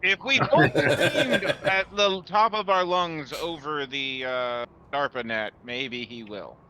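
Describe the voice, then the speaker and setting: A man playing in a tabletop game over an online voice call, working through his turn aloud in a deliberate way. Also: on the high side, crowd noise. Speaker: player. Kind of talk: casual tabletop game chat. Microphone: online voice call mic.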